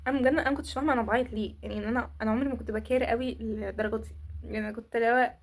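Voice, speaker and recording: Rapid-fire teenage Egyptian girl vlogging. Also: on the high side, steady tone. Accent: Egyptian Arabic. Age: teens. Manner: rambling, candid storytelling with frequent restarts and fillers. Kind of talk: casual chat to camera.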